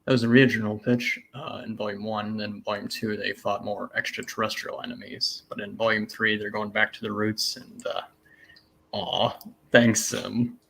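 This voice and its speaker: A man guesting on a podcast, talking in a deadpan monotone with dry humor. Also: on the low side, normal speed, vocal fry, a little hiss or hum. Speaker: guest writer. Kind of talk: casual chat.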